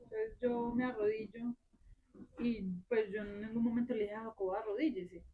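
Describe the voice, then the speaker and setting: Expressive Colombian mother sharing stories. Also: on the high side, normal speed, phone-quality sound. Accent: Colombian Spanish. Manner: expressive, narrates with quoted dialogue. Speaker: mother taking part in a church class. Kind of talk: sharing a personal story in discussion.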